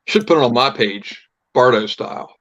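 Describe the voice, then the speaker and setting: A man's voice: medium pitch, animated, moderate pace, a bit bright, no echo. A man co-hosting a casual live stream in a chatty, agreeable way, on slightly lo-fi call audio.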